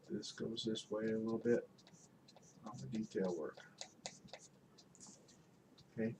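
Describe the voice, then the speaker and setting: A man's voice: medium pitch, background noise. Man talking through a drawing lesson. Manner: relaxed, instructive, talks while working with frequent pointing words. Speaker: art instructor. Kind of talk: drawing tutorial walkthrough.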